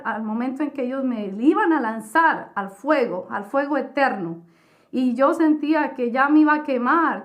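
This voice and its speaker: Earnest woman giving a halting testimony. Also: fairly high pitch, a bit bright. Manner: earnest, halting, with many fillers and restarts. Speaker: testimony speaker. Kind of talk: personal testimony.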